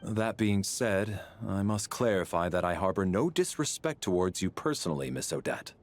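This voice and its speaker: A dutiful military agent in a video game, measured and precise. His low voice still rises and falls with lively shape. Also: slight background noise. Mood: formal.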